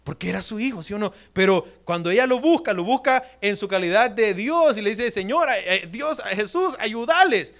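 A male pastor preaching a sermon in an animated way, acting out quotes and asking the congregation questions. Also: high voice, fairly quick, hardly any pauses.

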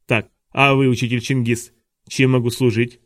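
A man voicing a vain, mocking male school vice principal who talks loudly and sneers. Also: medium pitch, little pitch movement, moderate pace, dry recording, clean studio sound, lightly acted. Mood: brisk. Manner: loud, sneering, giggling.

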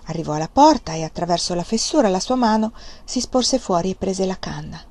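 A woman reading a novel aloud as audiobook narration, measured and expressive. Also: lowish voice. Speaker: reader of a novel.

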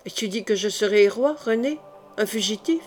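A woman's voice: mid-range voice, lively intonation, moderate pace, a little mellow, faint music behind, lightly acted. A woman voicing a young king in an audiobook, urgent and grief-stricken as he gives orders and cries out. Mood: anguished. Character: young man, a desperate fleeing king. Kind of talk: audiobook character reading.

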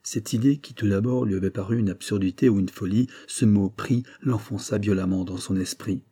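A man narrating a classic novel in an audiobook with a measured, even delivery. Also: on the low side, slightly rough. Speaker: audiobook reader.

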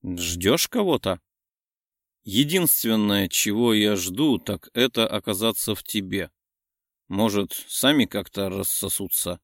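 A man voicing a gruff, teasing young man who grumbles in a lowered voice. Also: lively intonation, slow, no room sound, studio quality. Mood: grumbling.

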